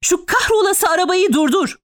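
A woman voicing a desperate male officer under fire, shouting orders in high, strained bursts. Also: lively intonation, normal speed. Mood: panicked shouting.

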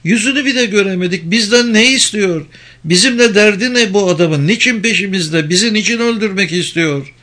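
Man voicing a frightened young woman, high and strained. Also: brisk, bright, forceful tone. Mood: anxious, tearful. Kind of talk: audiobook character voice.

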